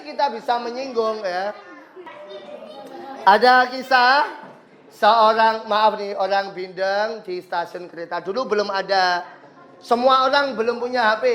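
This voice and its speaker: A man's voice: sits high, fairly bright tone. A man teaching a religious education class, joking with pupils, asking them questions and acting out short stories. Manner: jokey, asks pupils questions, acts out voices in anecdotes. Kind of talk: classroom lesson with storytelling.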